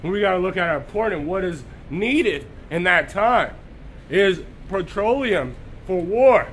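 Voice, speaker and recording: His voice high and hoarse as he gets over an illness, a Texas-accented man preaches to an online audience with lively intonation and an unhurried pace. Throat-clearing interrupts often, he breaks off to name-check viewers, and a soft hiss lingers underneath.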